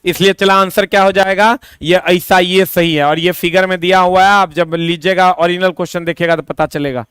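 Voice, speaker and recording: A man teaching an online exam-prep lesson, chatty and repetitive, with quick asides to his students. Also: high voice, steady tone, fairly bright tone, clear, resonant tone, dry recording.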